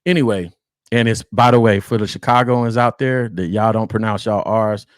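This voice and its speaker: A man's voice: on the low side, fairly even intonation, moderate pace, no echo, clean studio sound. A man from the Atlanta area hosting a sports show, talking casually and rhetorically and repeating himself for emphasis.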